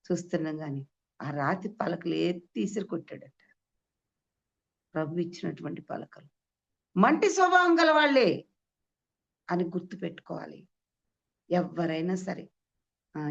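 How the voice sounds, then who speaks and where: A woman preaching an Easter sermon to a women's meeting, giving testimony with emphatic rhetorical questions and sudden high exclamations. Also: gravelly, a little mellow. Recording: dull lo-fi recording.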